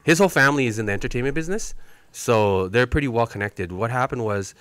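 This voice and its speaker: A man's voice: mid-range voice, lively intonation, fast talker, fairly bright tone, smooth, dry recording. A man co-hosting a live stream, chatting casually with friends over food, laughing often and tagging lines with "right?". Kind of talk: casual chat. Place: room with friends sharing food.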